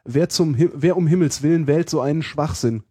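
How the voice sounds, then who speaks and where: A man co-hosting a casual podcast chat, playful and quick with jokes. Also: fairly high pitch, warm tone, husky, no echo, clean studio sound. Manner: playful and joking, quick quips. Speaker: podcast co-host.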